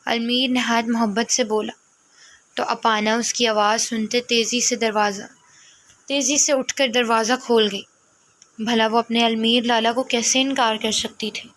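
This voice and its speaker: Woman narrating a romance novel, steady. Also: a little high. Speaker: novel reader. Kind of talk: storytelling narration.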